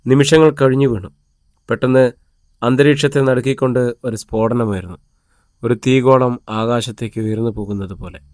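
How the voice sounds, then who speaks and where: A man reading a serialized audiobook in an even, measured way, at a middling pitch. The recording is dry and close, with no room around the voice. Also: no room sound. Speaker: audiobook narrator. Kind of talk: scripted story narration.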